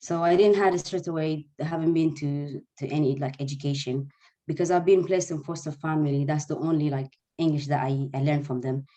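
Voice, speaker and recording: Speaking a little quickly with fairly even intonation, the young man has a warm, slightly high voice. Originally from Eritrea but raised in Sudan with Arabic as his mother tongue, the former refugee and nursing student earnestly answers a webinar interviewer, letting small grammar mistakes slip in.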